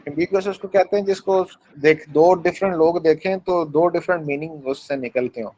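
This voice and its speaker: A man's voice: a little high, brisk, mellow, poor audio. A man teaching a university class, explaining with small acted-out scenes, asking students questions and mixing English phrases into his talk. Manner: mixes English phrases into Hindi speech. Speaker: university lecturer. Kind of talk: classroom lecture.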